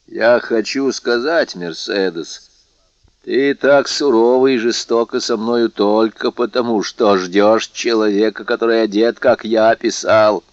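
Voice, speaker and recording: Jealous young fisherman, earnest and pushing, read by a man, lowish voice, dull dry audiobook sound. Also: a little slow, no room sound, lightly acted. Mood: pleading, jealous.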